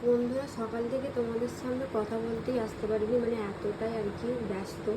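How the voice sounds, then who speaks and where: A woman with a West Bengal Bengali accent keeps her voice low while she chats to her vlog audience about her day. She talks quickly at a slightly high pitch, and street noise is plain in the recording. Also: fairly even intonation. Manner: speaks softly so the baby keeps sleeping. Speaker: vlogger. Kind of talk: hushed casual vlog talk.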